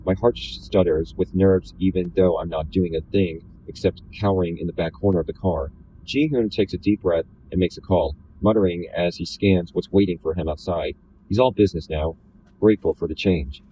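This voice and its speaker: A man reading a first-person novel aloud in a deliberately flat, slightly robotic delivery. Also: low voice, a little hiss or hum, poor audio. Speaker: reader.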